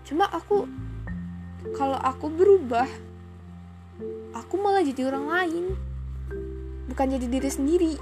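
A woman's voice: sits high, normal speed, long pauses, over music. A woman giving casual, chatty advice in a monologue and often adding tag fillers. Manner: chatty, peppers talk with "gitu loh".

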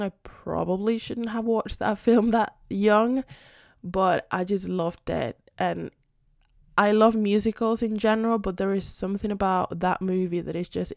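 A young native Spanish speaker from Spain, who hosts a podcast and teaches English, rambles casually through a solo episode packed with fillers. Her lowish voice is creaky, captured at studio quality with no room sound.

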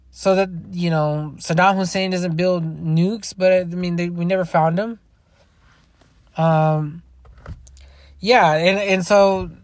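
A man's voice: sits high, no echo. A man hosting a solo podcast, rambling casually with lots of swearing and restarts. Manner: rambling, profane, frequent restarts. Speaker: podcast host.

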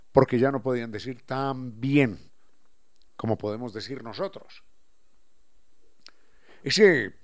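A male host with a fairly high voice. He explains in an unhurried, professorial way and lingers on individual sounds and words as he spells them out. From Ecuador. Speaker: radio host. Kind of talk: explanatory talk-show chat.

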